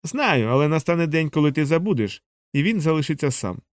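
A man's voice: a little high, sing-song, a little fast, no room sound, clean studio sound, pitched above the performer's own voice. A man voicing a cruel, bullying older boy who taunts and threatens his younger brother. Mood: gloating.

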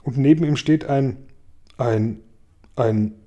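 Guy reading a loud flustered old sea captain, husky voice, storybook style. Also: mid-range voice, takes it slowly, lo-fi sound. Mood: excited. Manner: excited, exclaiming, stumbling over his words. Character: blustering, befuddled middle-aged male ship captain. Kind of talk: storybook read-aloud acting.

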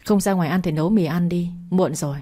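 A woman's voice: fairly low pitch, fast talker, dark tone, close to an everyday voice. A woman reading the lines of a brusque, domineering man in a storybook reading, in a curt, commanding way.

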